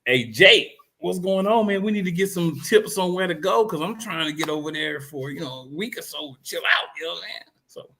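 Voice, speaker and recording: A man's voice: a little high, animated, a little fast, hardly any pauses, bright, forceful tone, a little hiss or hum. Chill guy hosting a sports stream, reads comments, easygoing slangy talk. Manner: laid-back, friendly, slangy. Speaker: podcast host reading comments. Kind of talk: casual sports chat.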